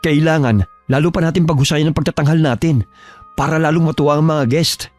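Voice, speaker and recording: A man voicing a gentle, protective young husband in a horror radio drama. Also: on the high side, steady tone, brisk, dry recording, soft background music, natural voice. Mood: determined. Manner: gentle, reassuring.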